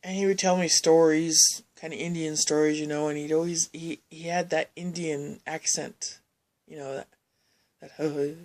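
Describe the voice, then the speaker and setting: A woman telling a personal story in a halting, rambling way, often restarting her sentences. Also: low voice, fairly even intonation, darkish tone.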